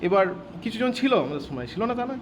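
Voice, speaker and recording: A man's voice: high voice, sing-song, quick pace, a little hiss or hum. A man teaching vocabulary, repeating words and answering his own questions. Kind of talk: vocabulary lesson explained in Bengali.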